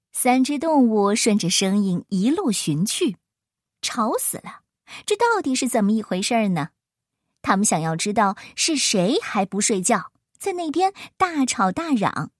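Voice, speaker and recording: A woman reads a children's picture book aloud in a playful, expressive way, her voice swooping high and low. Her voice sits a little high and is recorded close and dry. Gentle music plays faintly underneath. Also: unhurried, dry recording. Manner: playful, expressive, rising and falling voice. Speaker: storyteller.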